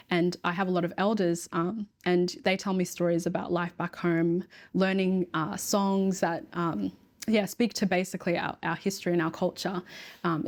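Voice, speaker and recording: A young woman speaks as an interview guest, taking her time and reflecting carefully on each point. Her voice sits a little low and keeps to a narrow, level melody. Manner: reflective, measured storytelling. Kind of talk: casual interview.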